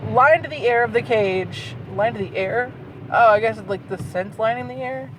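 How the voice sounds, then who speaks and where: A woman with a slightly high voice reads bad fan fiction aloud at a moderate pace, dramatizing each passage and then breaking off into incredulous, sweary asides as she mocks it. She's a host recording inside a moving car, and the low-quality audio carries clear road and vehicle noise.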